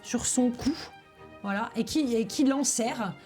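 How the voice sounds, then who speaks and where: A woman game master improvising descriptive tabletop narration, often pausing to search for words. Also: a little high, darkish tone, soft background music.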